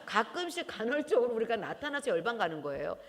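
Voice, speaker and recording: A woman preaching a sermon in a church, animated, often laughing and breaking into loud exclamations. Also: fairly high pitch, quick pace. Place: church hall. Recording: long church hall reverb.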